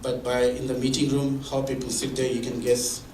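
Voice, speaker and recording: Male presenter, mid-pitched, explaining with examples, heard from a distance in a roomy hall. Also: level tone, moderate pace, a little mellow, slight background noise. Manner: explains with examples, many restarts. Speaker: presenter at a mentoring event. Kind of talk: conversational presentation. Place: meeting room or hall. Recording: echoey room from far off.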